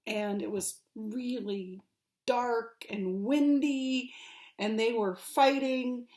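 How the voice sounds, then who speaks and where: A young woman retelling a story she just heard, halting and careful, growing louder at the dramatic parts. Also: on the high side. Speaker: student in a telephone game.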